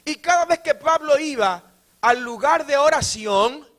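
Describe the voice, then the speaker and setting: A man preaches to a congregation in a church. His voice sits high and swings between quiet asides and shouted praise. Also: measured pace. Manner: animated preaching, shouting praise, mimicking complainers. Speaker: pastor. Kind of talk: sermon.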